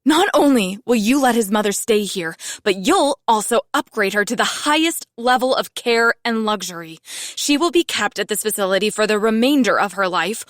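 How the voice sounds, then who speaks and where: A man's voice: high voice, fairly bright tone, no echo, clean studio sound, pitched above the performer's own voice. A man voicing a fierce, threatening young woman. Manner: cold, threatening, swearing. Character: fierce young blonde woman, protective and ruthless. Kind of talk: audiobook narration.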